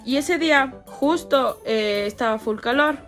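A young woman tells a storytime vlog, playful and slangy, laughing at her own jokes. Her voice sits high, and music plays clearly behind her. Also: measured pace, fairly bright tone. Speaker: vlogger.

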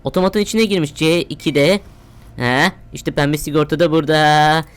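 A woman commenting casually as she plays a horror game, chatty and quick to exclaim and swear playfully. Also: low-pitched, clear, resonant tone. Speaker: gamer. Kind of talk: let's play commentary.

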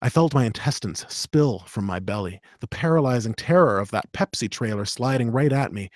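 Speaking a little fast at medium pitch, a man with a slight Canadian accent narrates an audiobook with steady drama before turning chatty and laughing in casual conversation as host. The studio-quality recording has no room sound, made on a condenser mic with headphones in a small home studio with dark drapes.

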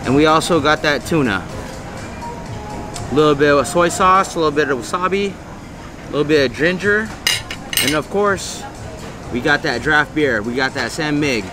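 A man talks to his handheld camera while touring a busy indoor buffet, keen and chatty about every plate. His voice sits a touch high. Loud background music plays under him. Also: normal speed, pauses often. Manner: upbeat, hypes the food to viewers. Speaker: food vlogger. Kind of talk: casual vlog chat to camera. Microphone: handheld camera at arm's length.

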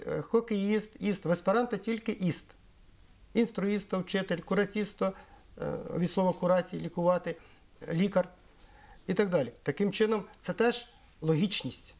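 A middle-aged man from Ukraine explaining things in an interview, measured and pausing often on fillers. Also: high voice, darkish tone. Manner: measured, with frequent hesitations and fillers. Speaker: interviewee, Esperanto historian.

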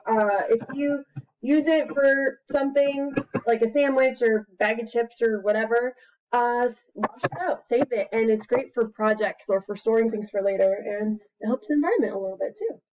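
Speaking a little high and at a moderate pace, this woman in her thirties reads stories animatedly and walks young children through a casual craft. She's expressive and singsong, coaxing her listeners to join in, and the webcam recording sounds slightly dull.

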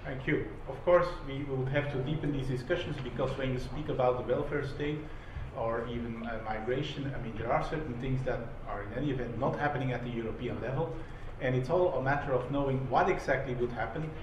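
A man moderates a panel discussion in a conference room. He talks in a measured, academic way with the odd dry joke. The mic sits far off, so the voice carries room echo and a steady hiss. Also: mid-range voice. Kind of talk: moderating a roundtable. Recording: echoey room, distant mic, audible hum.

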